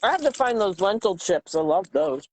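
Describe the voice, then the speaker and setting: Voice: medium pitch, very animated, normal speed, slight background noise. A podcast co-host in casual chat, talking easily while snacking and laughing often.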